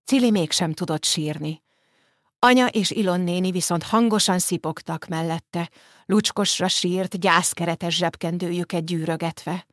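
A woman reads a novel aloud in a calm, measured way. Her voice sits fairly low, and the recording is dry and close, with no room sound. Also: dry recording. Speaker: audiobook narrator. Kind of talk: scripted narration.

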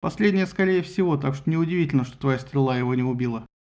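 Man playing a steady young hero, level and reasoning, gravelly, storybook. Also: medium pitch, quick pace, close to an everyday voice. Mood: calm.

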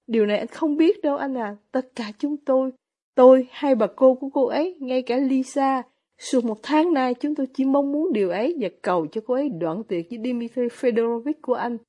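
A woman voicing an effusive, fussy middle-aged mother in a storybook reading. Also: high-pitched. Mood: gushing. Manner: gushing, excitable.

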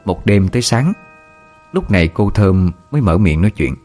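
Male story narrator, steady, somber, low voice, faint music behind. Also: normal speed. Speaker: audiobook narrator.

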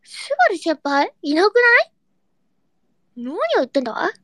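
A young woman hosting a casual live audio chat, reading listener comments in a cutesy, excitable way and breaking into squeals and giggles. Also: sits high, moderate pace, no room sound, clean studio sound. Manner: cutesy, baby-talk endings.

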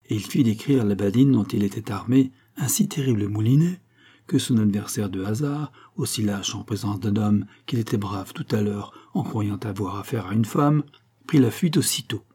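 A man reading a classic novel aloud as an audiobook narrator, in a steady, measured way. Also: on the low side, husky. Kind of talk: scripted narration.

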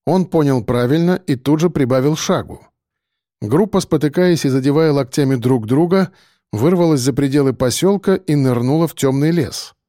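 Dark-voiced male audiobook narrator. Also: fairly high pitch, normal speed, dry recording, studio quality. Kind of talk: scripted first-person narration.

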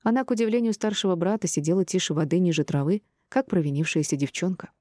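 Low, mellow woman reading an audiobook. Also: quick pace, dry recording, studio quality. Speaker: audiobook reader. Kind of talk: scripted narration.

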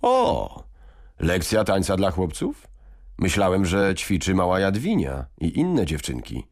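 A man voicing a brisk, blunt medieval king who speaks in a brusque, commanding way. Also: deep voice, huge pitch swings, pitched above the performer's own voice, heavily acted.

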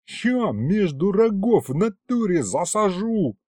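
A rowdy imp thug full of street slang, put on by a male audiobook reader. The voice sits higher than the narrator's and swings wildly as he bellows and whines. Delivered dry and close. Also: big pitch swings, slow, no echo, heavily acted. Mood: threatening. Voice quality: loud street-slang bluster. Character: rowdy gangster imp warrior, loud, slangy. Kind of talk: audiobook character voice.

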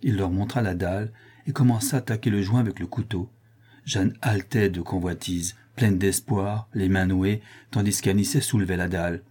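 Guy narrating an audiobook, low mellow voice, calm and steady. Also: slightly rough. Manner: measured, voices all the characters. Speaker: audiobook reader. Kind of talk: scripted narration.

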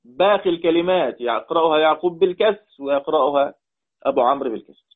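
A tinny, phone-like recording captures a man's fairly high, expressive, quick-paced voice. He has an Egyptian Arabic accent and is teaching Quran recitation online, going over the readings, restating points, and testing his students with questions.

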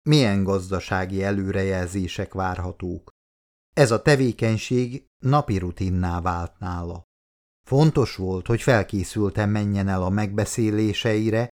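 A man reading a novel aloud as audiobook narrator, in calm, even storytelling. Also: fairly low pitch. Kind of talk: scripted narration.

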